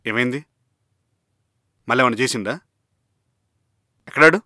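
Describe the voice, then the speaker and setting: A man's voice: medium pitch, moderate pace, pushed and bright, no echo, clean studio sound. An actor playing a stern father in his fifties who questions his injured son, with a Telangana Telugu accent. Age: 50s. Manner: brusque, questioning. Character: stern middle-aged father. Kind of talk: web series drama acting.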